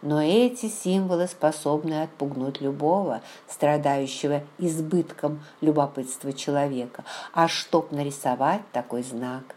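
A woman narrating a novel in the first person, with a measured, expressive reading. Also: sits low. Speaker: audiobook narrator. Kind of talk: scripted literary narration.

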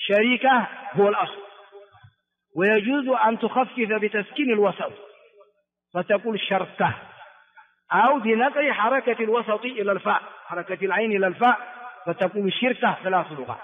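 High-voiced male scholar, tinny echoey recording. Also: a little fast. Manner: repeats words for students, asks rhetorical questions. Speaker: Islamic scholar teaching a hadith text. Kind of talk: classroom lecture on hadith and grammar.

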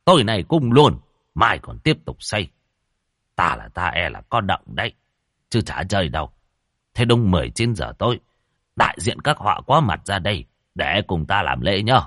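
A crusty old village sorcerer, as a male storyteller puts him on, barking orders and scolding the crowd. His husky voice swings widely in pitch. The sound is close and dry, like a spoken ghost story. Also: big pitch swings, normal speed, fairly bright tone, dry recording, heavily acted. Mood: sly instructing. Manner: scolding, commanding.

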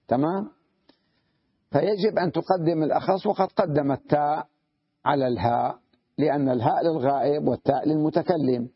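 Husky man teaching Arabic grammar. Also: fairly high pitch, dry recording, muffled recording. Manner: explains patiently, checks understanding with repeated questions; sounds out wrong word forms slowly to contrast them. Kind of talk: classroom grammar lesson.

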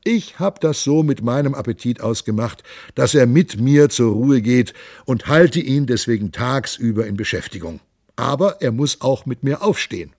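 A rowdy, bawdy monk who loves his wine , put on by a male reader. The voice is gravelly and husky, lively and swooping, booming out in a raised, hearty tone. Dry, close storybook sound. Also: moderate pace, no echo. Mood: boisterous. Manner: loud, hearty, high-pitched boisterous delivery. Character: boisterous hard-drinking man monk, jovial, bawdy. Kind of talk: audiobook character voice.

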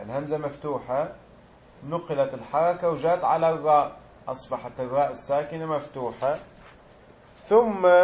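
A man's voice: fairly high pitch, darkish tone, dull audio. A man teaching a grammar lesson, explaining step by step and quizzing his students.

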